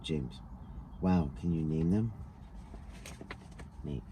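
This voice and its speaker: With a rumbling low voice, a man reads a scripted interview from a transcript very slowly and expressively, taking each speaker's lines in turn. The sound is lo-fi, with noticeable background noise.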